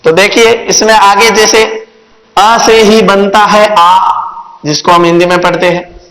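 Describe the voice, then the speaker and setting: A man teaching Sanskrit grammar in a video lesson, spelling out sounds one by one in a slow, deliberate way. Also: sits high, little pitch movement, bright, forceful tone. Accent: Hindi. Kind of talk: classroom-style video lesson. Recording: echoey room with long reverb.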